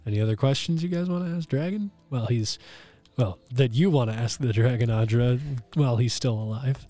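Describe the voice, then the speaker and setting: A man's voice: mid-range voice, fairly quick, warm tone, faint music behind. A man narrating a tabletop game as game master, casual and chatty, with many fillers and self-corrections.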